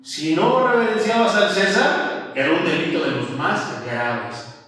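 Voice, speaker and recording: A man's voice: sits high, sing-song, unhurried, a bit bright. A man with a Mexican accent preaching a sermon in a colloquial, emphatic way, often calling the listeners "brother". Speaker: pastor. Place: church. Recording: echoey church hall from far off.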